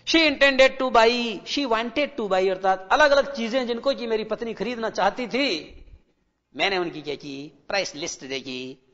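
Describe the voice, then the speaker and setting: A man teaching English as a televised classroom lecture, addressing children and asking them rhetorical questions, reading English phrases slowly before explaining them. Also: sits high, fairly bright tone. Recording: dull lo-fi broadcast with long reverb.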